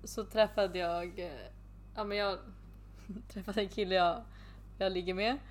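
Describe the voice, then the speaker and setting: A young woman co-hosting a relaxed podcast chat, giggling often as she tells a story. She acts out both sides of a text conversation and slips into English for the quoted lines. Her voice sits at an ordinary middle pitch. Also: a little hiss or hum. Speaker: podcast co-host. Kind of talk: casual chat.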